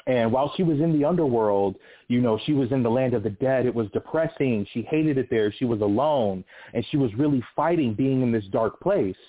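A man's voice: medium pitch, lively intonation, fairly quick. A man from California calling in by phone to a radio show, earnestly explaining and retelling a story. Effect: over the phone. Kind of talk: call-in radio discussion. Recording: tinny phone line.

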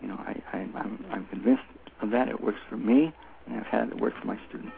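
A man's voice: on the low side, steady tone, fairly quick, vocal fry, breathy edge. An older man telling stories conversationally as an interviewed instructor, with an emphatic way of repeating phrases, heard over a phone line. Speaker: Tai Chi instructor, interview guest. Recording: tinny phone line with faint noise.

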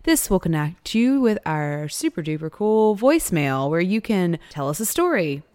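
A woman's voice: lowish voice, big pitch swings, normal speed, a little mellow, smooth, dry recording, clean studio sound. Bubbly female podcast co-host with a cold. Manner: bubbly, jokey. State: getting over a cold. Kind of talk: casual chat.

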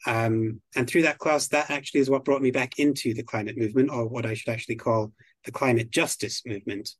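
A man from the United Kingdom being interviewed as a guest on a podcast, speaking in a measured, articulate way. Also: mid-range voice, steady tone, dry recording. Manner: measured, articulate, slow and deliberate. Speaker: guest expert on biodiversity.

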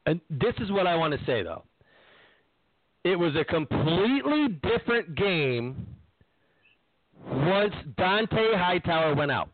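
A man hosting a casual sports chat, animated and ranting, laughing often. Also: high-pitched, slow pace, long pauses, no room sound. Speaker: podcast host. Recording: tinny phone-like line.

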